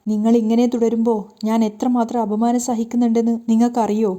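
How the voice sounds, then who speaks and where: A woman voicing a hurt young wife who loudly reproaches and pleads with her hot-tempered husband. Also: fairly high pitch, flat delivery, brisk, natural voice. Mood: indignant.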